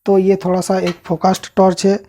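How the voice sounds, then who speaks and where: A man's voice: high-pitched, completely flat delivery, moderate pace, dark tone. A man hosting an electronics channel, casually unboxing and reviewing a device and explaining each part to viewers as he handles it.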